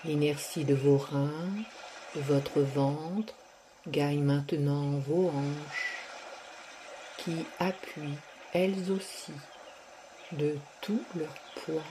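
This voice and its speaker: A woman leading a guided sophrology relaxation, speaking softly and drawing out her words with long pauses. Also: low voice, fairly even intonation, background noise. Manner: slow, soft, drawn-out delivery with long pauses.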